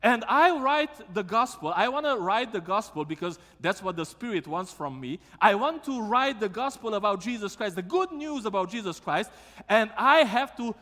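A man's voice: sits high, normal speed. A man, preaching a sermon as pastor in a church sanctuary and asking the congregation questions. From Romania. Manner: lively, asks the congregation questions. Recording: long church reverb.

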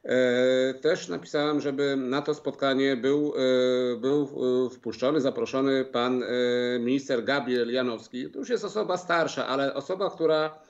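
Middle-aged male farm unionist, video-call guest, halting delivery, muffled line. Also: mid-range voice. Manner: halting, many filler sounds and restarts. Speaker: farmers' union representative. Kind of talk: remote interview, recounting events. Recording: slightly dull video-call audio.

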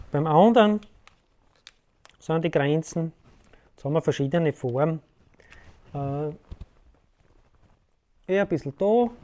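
A man's voice: a little high, a little mellow. A man, explaining ideas casually to the viewer in a loose, rambling way and often checking in with "ja?". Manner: keeps asking "ja?" to check in with the listener. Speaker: self-help video host. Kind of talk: casual explanatory talk to camera.

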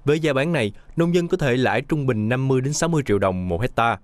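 A man reads the news voice-over fast and evenly. The sound is dry and close, with no room around it. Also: medium pitch, no room sound. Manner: brisk, even newsreading. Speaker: news narrator.

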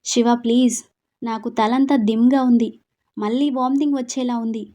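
A woman's voice: a little high, steady tone, normal speed, mellow, close to an everyday voice. A woman voicing a drunk young husband, pleading. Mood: queasy.

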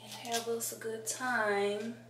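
A woman's voice: on the high side, flat delivery, slow, distant mic. A young woman vlogger chatting casually in a sassy, playful, slangy way as she gets ready for a night out. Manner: sassy, playful, slangy, peppering talk with "honey". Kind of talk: casual vlog chat while getting ready to go out. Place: small bathroom, indoors. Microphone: camera a step away or handheld. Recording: echoey bathroom, faint background noise.

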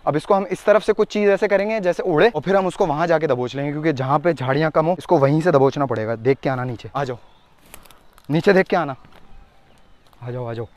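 A man filming a casual vlog outdoors in thorny scrubland, talking excitedly to the camera and dropping to a hush as he creeps closer. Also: fairly high pitch, brisk, no room sound. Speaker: vlogger. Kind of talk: casual vlog narration while searching.

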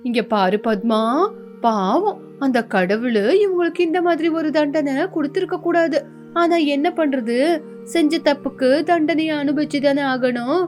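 A woman voicing a gossipy neighbour woman who mocks with fake pity in an animated story. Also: high-pitched, moderate pace, faint music behind, close to an everyday voice. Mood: mocking.

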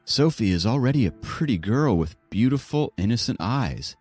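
A man's voice: medium pitch, very animated, moderate pace, darkish tone, slightly rough, faint music behind, voice pushed up. A man voicing a shy, wry young male college student who questions himself. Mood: admiring.

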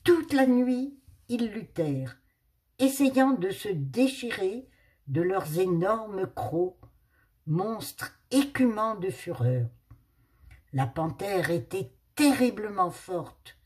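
Woman slowly reading a children's story. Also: medium pitch. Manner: expressive, unhurried storytelling.

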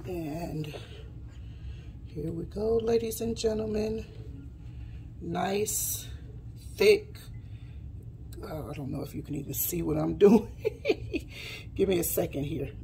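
A woman hosts a casual cooking demonstration from her home kitchen counter. Her voice sits low and she talks at a slow, easy pace, pausing to tidy up and explain as she works. Faint room noise sits under the counter-mounted camera. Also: vocal fry, warm tone. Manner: chatty, stops to tidy and explain mid-task. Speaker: home cooking channel host. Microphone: camera on the counter, speaker mostly off frame.

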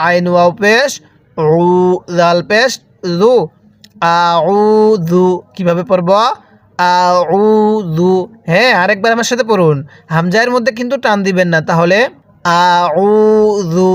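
Guy teaching quran letters, pretty high voice, drags out the vowels, dry close sound. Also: a bit bright, no echo. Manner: slow drawn-out recitation of letters. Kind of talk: spelling lesson with call-and-repeat.

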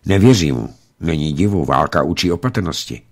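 A man reading a novel aloud in a measured, expressive storytelling manner for radio. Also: rumbling low. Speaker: narrator.

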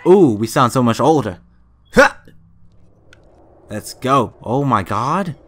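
A man giving casual gameplay commentary as a let's-play host. He is excitable and exclaims often, with frequent laughter and the occasional curse. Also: mid-range voice, slow pace.

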